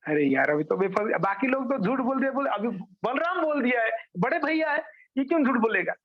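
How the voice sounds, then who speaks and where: High-voiced male preacher telling stories. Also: fairly quick. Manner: animated, asks and answers his own questions. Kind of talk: storytelling sermon. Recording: dull lo-fi recording.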